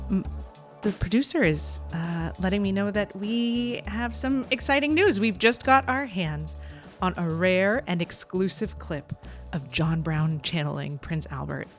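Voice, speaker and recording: A woman hosting a podcast, telling stories in casual chat and quick to laugh. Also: on the low side. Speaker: podcast host.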